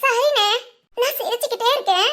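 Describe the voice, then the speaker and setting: A woman's voice: very high-pitched, lively intonation, brisk, pushed and bright, exaggerated voice. A woman voicing a teasing young married sister in a cartoon, giggly and wheedling. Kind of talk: cartoon voice acting.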